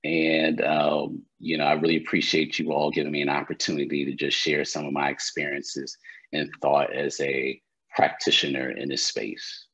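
A man's voice: rumbling low, monotone, normal speed, fairly bright tone, husky. A man giving earnest, grateful closing remarks as a guest speaker on a video call. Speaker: guest speaker, founder of a career organization. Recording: muffled lo-fi audio.

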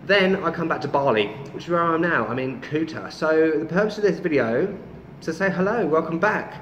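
A man's voice: fairly high pitch, expressive, brisk, fairly bright tone, slight background noise. Chatty man with a London accent. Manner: chatty and rambling, wry asides. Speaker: travel vlogger. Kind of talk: casual talk to camera. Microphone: camera mic. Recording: roomy, slightly dull camera audio.

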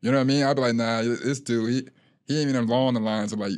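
A man's voice: mid-range voice, fairly even intonation, fast, darkish tone. A man in his thirties co-hosting a podcast over a video call, talking in a loose, slangy, laughing way. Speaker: podcast co-host. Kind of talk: casual podcast conversation. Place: hotel room. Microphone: earbuds, video call.

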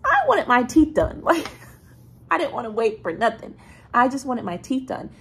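Her voice is a little high and breathy-edged, moving at a moderate pace, as this woman in her twenties chats to her phone camera. She's a vlogger in a bright apartment room with a ceiling fan, phone held low and close, spinning stories in an animated, chatty style with laughs, a bit congested.

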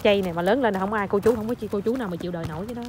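A young mother talks to her viewers in a chatty, teasing way while she follows her small child around an outdoor playground. Her voice sits at an ordinary pitch for a woman. It is picked up by a handheld phone, with clear outdoor noise behind her. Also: racing. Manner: chatty, teasing running commentary, mixing in English phrases. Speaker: mother filming her toddler at a park. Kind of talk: casual vlog narration to viewers. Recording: noisy outdoor phone recording.

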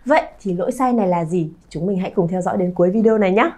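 A woman in her thirties teaching pronunciation to her viewers, lively and drawing out sounds to model them. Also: on the low side, very fast. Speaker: Chinese teacher, channel founder. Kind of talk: pronunciation lesson to camera.

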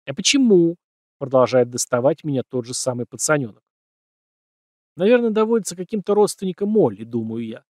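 A man's voice: medium pitch, animated, a little fast, a little mellow, no echo, clean studio sound. A man narrating a first-person crime story as an audiobook, acting out bits of dialogue.

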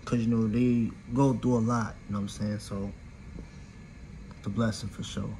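A man's voice: lowish voice, flat delivery, moderate pace, mellow, slight background noise. A young man hosting a reaction video, speaking in a laid-back, casual way and repeating his fillers. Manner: laid-back, repeats "you know what I'm saying". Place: small indoor room.

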